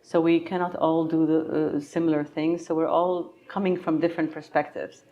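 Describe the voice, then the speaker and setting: A middle-aged woman from Egypt, a patient advocate answering conference interview questions thoughtfully, pausing often with fillers. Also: deep voice, level tone, dull audio. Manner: thoughtful, many pauses and fillers.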